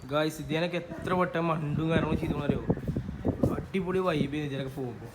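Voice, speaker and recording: High-pitched young man, chatty, Malayalam-English mix. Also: a little fast, very noisy. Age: young adult. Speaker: vlogger. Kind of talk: casual walking school-tour vlog.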